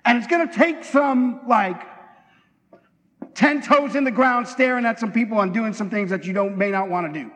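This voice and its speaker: A man preaching an energetic sermon in a church, talking fast and excitedly and acting out bits of dialogue. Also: high voice. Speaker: pastor. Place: church sanctuary. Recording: long hall reverb.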